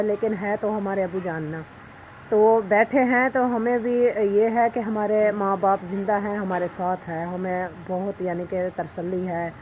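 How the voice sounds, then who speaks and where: A woman's voice: mid-range voice, dull audio, a little hiss or hum. A woman vlogging at her village home, talking in a soothing, pleading way and speaking to viewers with heartfelt emotion, recorded on a handheld camera. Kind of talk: casual vlog talk to camera.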